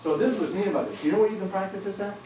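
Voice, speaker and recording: Martial arts teacher in an echoey hall. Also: male voice, high voice, rapid-fire, warm tone, a little hiss or hum. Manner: explains while demonstrating on a partner, frequent rhetorical questions. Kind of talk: seminar demonstration. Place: training hall. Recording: roomy 1990s camcorder audio from far off.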